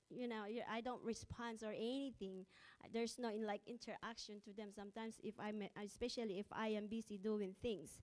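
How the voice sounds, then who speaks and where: Her voice a little high, the Ilocano-speaking Filipino pastor, a middle-aged woman, delivers her sermon with bursts of nervous laughter and impassioned prayer.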